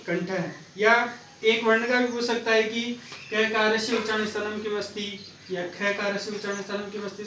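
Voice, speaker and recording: A high-pitched man gives an exam-prep lesson. He recites grammar rules in a slow, chanting way and drills the likely questions again and again. His voice echoes around a room, some way off the mic, with faint ambient noise behind. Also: fairly bright tone, far from the mic. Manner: methodical, repeats exam questions and answers; chants Sanskrit sutras slowly. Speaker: Sanskrit grammar teacher.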